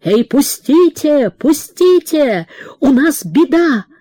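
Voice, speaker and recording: A woman's voice: medium pitch, expressive, slow pace, warm tone, slightly rough, no echo, clean studio sound. A woman doing a desperate young son. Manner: pleading, crying out.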